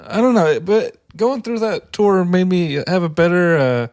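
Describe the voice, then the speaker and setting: Relaxed man co-hosting a sports chat. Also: sits high, measured pace, no room sound, studio quality. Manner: relaxed, rambling, with many fillers. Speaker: podcast co-host.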